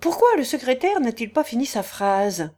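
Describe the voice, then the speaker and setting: A man's voice: very high-pitched, very animated, normal speed, a little mellow. A woman reading an audiobook voices an alarmed nobleman who keeps pressing his questions. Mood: agitated. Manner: agitated, insistent questioning. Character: alarmed male noble with a leaden stare.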